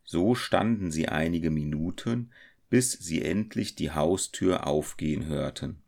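Slow gravelly male storyteller. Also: extremely low pitch, a little mellow. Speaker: narrator. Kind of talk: reading a story aloud.

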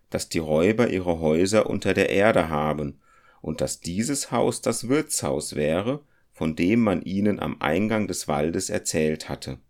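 A man reads a story aloud in a measured, even style. His voice is very deep. He takes his time over each sentence. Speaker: narrator. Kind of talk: storybook reading.

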